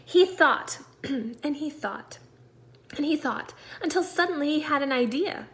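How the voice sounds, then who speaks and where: A woman with a fairly high voice reads a children's storybook aloud the way a second-grade teacher would. She is deliberate and expressive, stressing key words so young listeners can follow, and sometimes drops into quiet asides.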